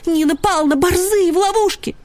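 A woman voicing a small, brave young female dachshund who talks in a high, breathless, pleading way. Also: normal speed, mellow, breathy edge, no room sound. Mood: frantic pleading.

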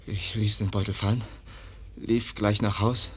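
Here the man's pitch is fairly low, with little movement, a slightly slow pace and a slightly rough texture. He plays the wounded young man Kaspar in a radio play, weak from a stab wound and faltering, getting out only breathy, broken, clipped whispers.

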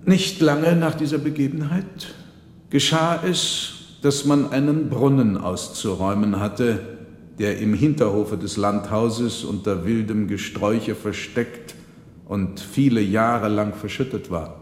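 Male radio-play narrator, measured and unhurried; echoey space, faint noise. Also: on the low side, fairly even intonation. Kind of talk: scripted literary reading for radio. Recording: roomy with long reverb, faint noise.

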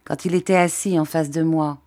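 Audiobook: distraught old fisherman uncle, insistent, read by a woman; mellow, dry sound. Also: low voice, unhurried, dry recording. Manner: impatient, insistent. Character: grief-stricken fisherman uncle, stubborn and wild.

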